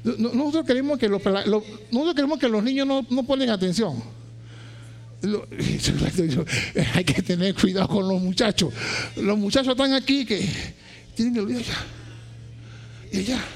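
A man preaching a sermon with fervor, often shouting rising questions, then dropping low, with many restarts and repeated words. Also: lively intonation, normal speed.

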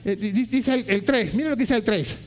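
A man preaches a sermon with fervor at a slightly fast clip, often shouting questions that rise, then dropping his voice low. He restarts often and repeats words many times.

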